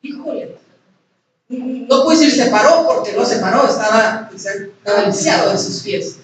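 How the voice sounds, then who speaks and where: High-voiced Mexican woman pastor preaching. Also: expressive, normal speed. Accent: Mexican Spanish. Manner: conversational, asks the audience questions. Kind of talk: sermon. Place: women's conference hall. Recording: very echoey hall, distant mic, faint noise.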